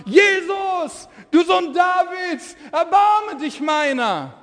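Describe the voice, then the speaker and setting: A man voicing a blind male beggar who pleads in a high, squeaky voice, with echoey hall reverb. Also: little pitch movement, measured pace, a bit bright, heavily acted. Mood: crying out. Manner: pleading, crying out.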